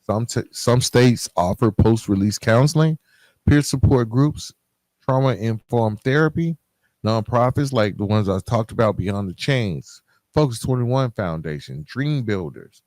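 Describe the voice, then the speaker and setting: A podcast host addresses listeners directly, candid and emphatic, in colloquial streetwise language like a motivational monologue. His mid-range voice is slightly mellow with lively intonation and a measured pace, recorded with no echo.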